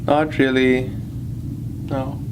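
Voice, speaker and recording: A man in his twenties being interviewed in an elevator, speaking thoughtfully with many pauses. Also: medium pitch, level tone, background noise. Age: 20s. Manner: thoughtful, hesitant, reflective. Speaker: interviewee, doctor. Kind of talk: casual conversation.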